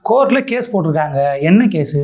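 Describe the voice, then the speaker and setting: A woman's voice: on the low side, lively intonation, fast, a little mellow. A woman hosts a sarcastic political roast. She mocks her targets with a stream of rhetorical questions. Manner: mocking, full of rhetorical questions.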